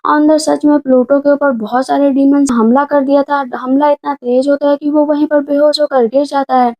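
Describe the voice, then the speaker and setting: A woman narrating a movie recap in a casual, brisk storytelling way, reading the characters' lines in her own voice. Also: sits high, fairly even intonation, mellow, low-quality recording. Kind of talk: casual plot-retelling narration.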